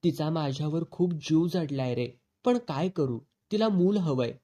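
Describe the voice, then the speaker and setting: A desperate, pleading male friend begs his old companion for help in a storybook reading, as a man puts him on. The voice stays dark and mellow, and the pleas lift slightly in pitch. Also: a little slow. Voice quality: pleading, helpless.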